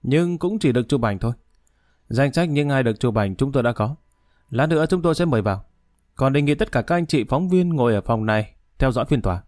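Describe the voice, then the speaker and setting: A man's voice: medium pitch, expressive, fast talker, a little mellow, no room sound, studio quality, natural voice. A male narrator voicing a stiff court officer who speaks coldly and formally. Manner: cold, official.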